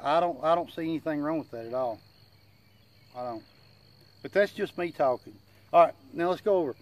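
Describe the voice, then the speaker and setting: A middle-aged man chats casually in plain, self-deprecating country talk, slightly muffled by a dip in his lip, giving folksy advice to a camera outdoors. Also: on the high side. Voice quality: slightly muffled speech from chewing tobacco in the lip. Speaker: gardening channel host. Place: outdoors in a wooded yard. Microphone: camera a few feet away. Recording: outdoor insect and nature noise.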